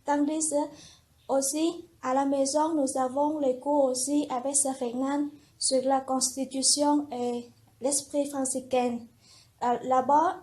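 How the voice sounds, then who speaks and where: A young religious sister speaks slowly in a fairly high voice. She gives an earnest personal testimony in plain, simple sentences, unhurried and sincere. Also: mellow. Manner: slow, earnest, simple phrasing.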